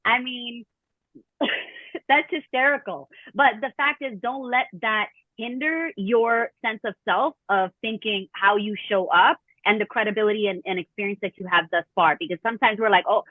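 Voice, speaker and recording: A woman's voice: fairly high pitch, normal speed, no echo. Woman on a tinny, phone-like line. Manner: lively, laughs easily, casual fillers. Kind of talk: panel discussion. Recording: dry tinny phone-like sound.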